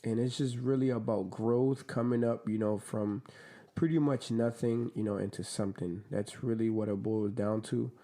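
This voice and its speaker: Warm and fairly low-pitched, the Dominican podcast guest speaks at a moderate pace with fairly even intonation. He owns a clothing brand and chats in a laid-back, slangy interview style packed with fillers.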